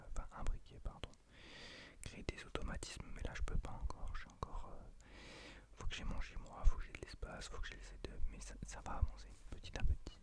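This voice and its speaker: Male, late 20s. Whispered role-play in hushed library whisper, ASMR host, self-deprecating and confiding. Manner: soft unvoiced whispering; hesitant, self-deprecating, intimate address to the listener.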